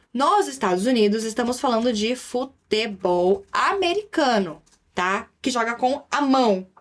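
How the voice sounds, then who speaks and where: A young woman with a Brazilian Portuguese accent teaching an English lesson in a lively, chatty way, slowing down for English examples. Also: a little high. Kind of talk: online language lesson.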